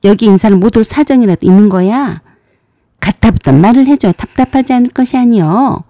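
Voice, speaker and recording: A woman's voice: a little high, animated, brisk, warm tone, dry recording, studio quality, close to an everyday voice. A woman voicing a bossy eldest sister in a storybook drama who lectures bluntly and sarcastically. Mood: scolding.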